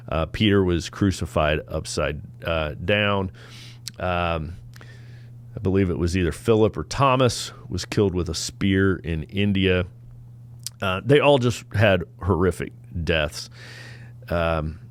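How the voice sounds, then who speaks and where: A man giving an informal, persuasive religious talk in an explanatory, emphatic way, pausing between short phrases. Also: sits low.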